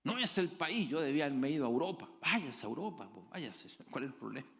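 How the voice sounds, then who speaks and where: A pastor delivers a sermon with a bright, forceful voice whose pitch swoops widely. He preaches dramatically, breaking into loud exclamations and acting out the voices of his congregation. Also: big pitch swings, fast. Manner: acts out quoted voices of congregants.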